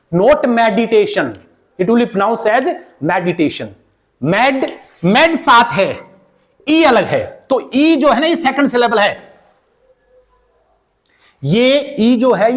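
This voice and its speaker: A man teaching English pronunciation, repeating each word slowly again and again as a drill and calling his viewers "beta" in a fatherly way. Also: very high-pitched. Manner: slow, repeats words many times for drill. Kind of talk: pronunciation lesson.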